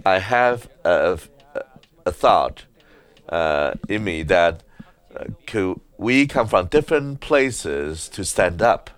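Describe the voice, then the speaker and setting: Low voiced guy giving a slow sermon at a conference, lots of uhs, voice rises and falls a lot. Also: animated, clear, resonant tone, no echo. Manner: halting, with frequent "uh" fillers. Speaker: conference speaker. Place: conference center meeting hall.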